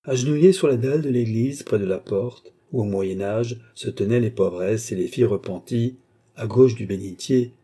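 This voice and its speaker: A man narrating a novel as an audiobook, reading in a measured, dramatic way. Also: lowish voice, mellow, slightly rough.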